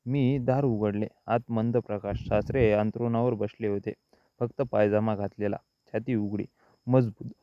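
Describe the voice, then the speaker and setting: A man narrating a story in the first person, in a slow and even scripted reading. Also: on the low side, clean tone, no room sound. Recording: dull, lo-fi dry recording.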